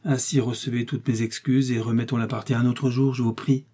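A man's voice: mid-range voice, flat delivery, a little fast, warm tone, husky, close to an everyday voice. Man voicing D'Artagnan, an ardent young hero. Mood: earnest. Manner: urgent, earnest, raised voice.

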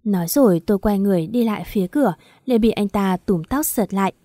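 A woman reads an audio story aloud in a steady, calm narration. Her voice is warm and mellow, at a middle pitch. The recording is dry with no room sound. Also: quick pace, no echo.

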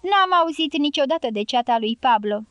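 A post commander brushes off a stranger's claims in a flat, dismissive way, as a woman reads him in an audiobook. The voice is high-pitched and sits close and dry. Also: dry recording, dull audio.

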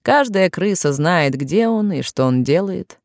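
A woman voicing a calm, wry middle-aged lawyer in an audiobook, speaking in a reassuring way. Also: on the low side, a little slow, no echo, studio quality.

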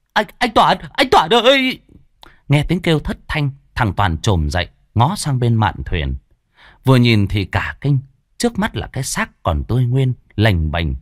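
A man narrating a horror tale with dramatic flair and a lowish voice that rises and falls widely across each phrase. The recording is close and dry with no room echo. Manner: dramatic, expressive storytelling. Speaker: storyteller.

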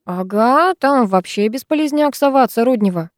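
A woman voices a timid, tentative teenage girl, pitching her voice on the high side, above her own but close to an everyday voice. The delivery is moderately paced with lively intonation, in a dry, clean studio recording.

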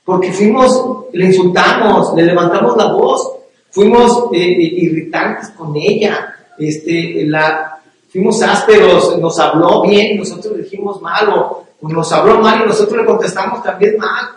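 A man's voice: high-pitched, measured pace. A middle-aged man with a Mexican accent preaching a sermon to men, earnest and repeating himself for emphasis, often checking in with "¿sí?". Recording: very echoey hall, speaker far from the mic.

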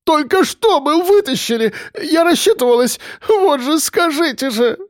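A man voicing a frantic country woman whose purse was stolen at a market, wailing in a high strained voice. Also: lively intonation, moderate pace, dry recording, clean studio sound. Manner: shrill wailing lament.

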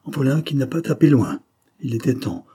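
A man's voice: medium pitch, big pitch swings, a little fast, dark tone, husky, pitched above the performer's own voice. A man voicing a brusque, impatient young male painter who gives curt orders, in a classic French audiobook. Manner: curt, commanding.

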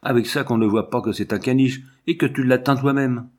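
A cheeky young street heckler calling out from the crowd in a storybook, mocking and impatient, as a male reader puts him on. His voice sits at a middling pitch. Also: steady tone, fairly quick, close to an everyday voice. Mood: jeering. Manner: mocking, jeering.

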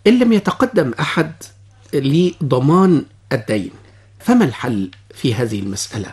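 An Egyptian man, a radio host, presenting formally in Standard Arabic in a measured broadcast style. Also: medium pitch, big pitch swings, darkish tone, breathy edge. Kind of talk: formal radio presenting, reading a listener's letter.

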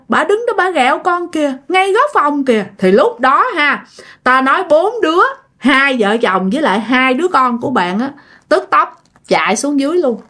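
Woman, casual ghost story narrator, fairly high voice, chatty and direct with listeners. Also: a bit bright.

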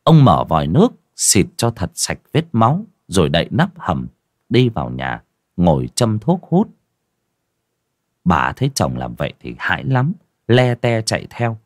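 A man's voice: low-pitched, huge pitch swings, a little slow, dry recording, studio quality. A man narrating an audio horror story in a dramatic, lurid storytelling manner.

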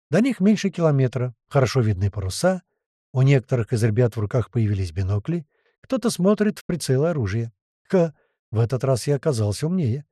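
Lively man narrating an audiobook. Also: medium pitch, no room sound, clean studio sound. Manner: lively, slangy storytelling. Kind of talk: first-person audiobook narration.

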